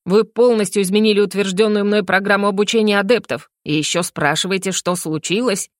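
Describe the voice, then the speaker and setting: A woman's voice: mid-range voice, fairly even intonation, a little fast, no room sound, studio quality, close to an everyday voice. Woman playing a furious aging rector. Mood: angry. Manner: shouting accusations. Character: tired older male rector, suspicious and furious.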